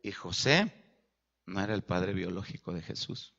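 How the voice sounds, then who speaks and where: A man preaching a sermon as pastor, animated and acting out dialogue. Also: deep voice, normal speed, creaky. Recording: dull lo-fi.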